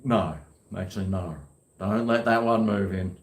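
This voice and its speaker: A man's voice: lowish voice, steady tone, a little slow. A man with a broad New Zealand accent, chatting casually and rambling to himself in slangy talk at home. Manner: chatty, self-talking, slangy. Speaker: vlogger. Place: indoors at home. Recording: echoey room.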